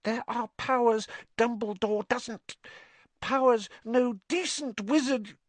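A man voicing a small, anxious, servile male house-elf in a squeaky, strained voice, speaking of himself in the third person. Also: slow, no room sound, full character voice. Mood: urgent. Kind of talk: audiobook character voice.

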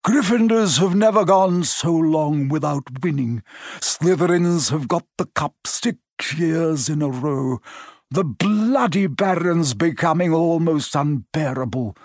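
A man's voice: on the high side, animated, unhurried, a little mellow, no room sound, voice pushed up. A man reading aloud and voicing a fussy, stiff ghost nobleman with a formal manner, in a dry recording. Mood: earnest. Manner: stiff, fussy and slightly pompous.

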